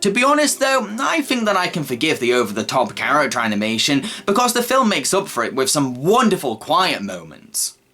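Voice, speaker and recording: Male reviewer: scripted narration, forward bright tone, lively pitch movement, light music bed. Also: fairly quick. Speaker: film reviewer. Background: faint background music.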